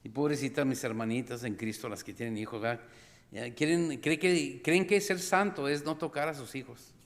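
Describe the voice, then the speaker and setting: A middle-aged man preaching a sermon as pastor, animated, acting out scenes with sudden cries and calling the congregation brothers and sisters. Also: medium pitch, moderate pace. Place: church sanctuary. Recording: long reverb of a church hall.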